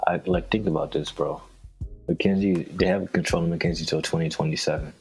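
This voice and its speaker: A man co-hosting a podcast, chatting casually and excitedly about his team, bragging with frequent laughs. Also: low voice, fairly quick, soft background music, low-quality recording. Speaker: podcast co-host. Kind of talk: casual sports chat.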